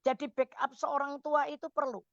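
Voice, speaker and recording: A woman counselor on a radio call-in show, giving motherly advice in a lively, caring way. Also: high-pitched, moderate pace, no room sound, lo-fi sound.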